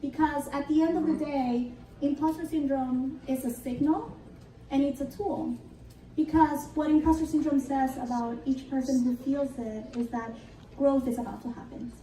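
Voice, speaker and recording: Young woman from Argentina, native Spanish speaker, high mellow voice, earnest conference speaker, heard from a distance. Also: steady tone, normal speed. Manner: earnest and reflective, with light laughs. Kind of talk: prepared motivational talk. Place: conference hall. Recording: roomy hall, voice from a distance.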